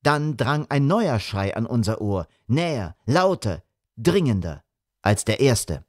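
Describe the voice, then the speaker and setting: A man reading an audiobook, with measured, atmospheric dramatic narration. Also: mid-range voice, sing-song, no echo, studio quality.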